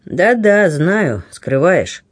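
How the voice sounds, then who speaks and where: A man voicing a gruff old buccaneer. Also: high-pitched, sing-song, extremely slow, exaggerated voice. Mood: gruff warmth. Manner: grumbling, teasing, plain-spoken. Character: gruff aging male buccaneer, blunt, kindly, ironic.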